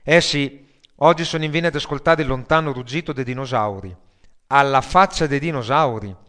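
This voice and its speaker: A man voicing a sardonic, foul-mouthed male metalhead worker who grumbles and swears loudly. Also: mid-range voice, a little fast, lightly acted. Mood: grumbling.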